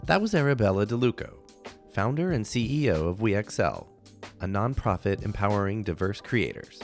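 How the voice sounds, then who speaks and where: A podcast host with a lowish, expressive voice introduces a female guest in measured narration, then interviews her, offering brief murmured acknowledgments. Faint music plays behind him.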